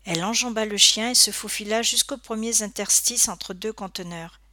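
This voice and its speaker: A woman narrating a children's adventure story aloud, with expressive storytelling that rises for suspense. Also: mid-range voice, moderate pace, no echo. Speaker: audiobook narrator.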